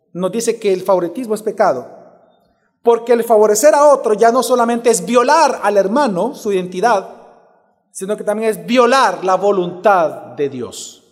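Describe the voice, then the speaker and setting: In a reverberant church hall, a high-pitched Salvadoran pastor speaking Salvadoran Spanish delivers a sermon that moves from a personal story into emphatic preaching. He repeatedly asks his congregation questions and then answers them himself.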